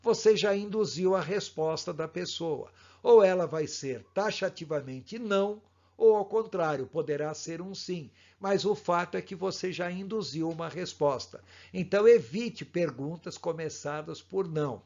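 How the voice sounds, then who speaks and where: Higher-voiced man teaching slowly. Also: a little mellow. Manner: slow, measured, didactic explanation. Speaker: instructor in pastoral counseling. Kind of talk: recorded course lecture. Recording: dull lo-fi recording.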